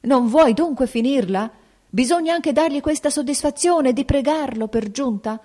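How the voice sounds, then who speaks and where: In an audiobook, a harsh domineering old baron hurls scornful rebukes at his daughter, as a woman reads him. His voice runs high and loud, straining upward as his temper flares. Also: animated, normal speed, close to an everyday voice. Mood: angry. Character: furious older nobleman father, harsh and domineering. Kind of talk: audiobook character reading.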